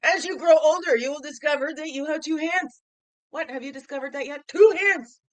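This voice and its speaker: Stuffed up and nasal from a cold, a woman in her fifties hosts her daily reflection show, speaking fairly quickly in a high voice. She chats playfully and asks the listener questions in a casual, reflective vlog style, though the recording is dry and the audio poor.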